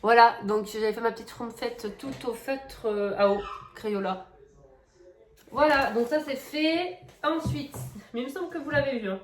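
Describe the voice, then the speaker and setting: A woman's voice: on the high side, normal speed, a little hiss or hum. Chatty woman rambling through a coloring vlog. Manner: chatty, rambling with many fillers. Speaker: coloring vlogger. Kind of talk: casual chat.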